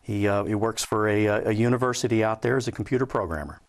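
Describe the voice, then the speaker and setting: An American man in his fifties from Southern California, an Air Force veteran, is an interview guest recalling his life in conversation. His voice is on the low side, and he speaks in a hesitant, measured way with frequent pauses.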